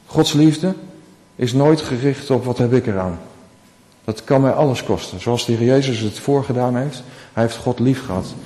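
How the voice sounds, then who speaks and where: A man preaching a sermon in earnest, animated tones, acting out quoted dialogue with rising emphasis. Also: medium pitch, reverberant, in a large hall.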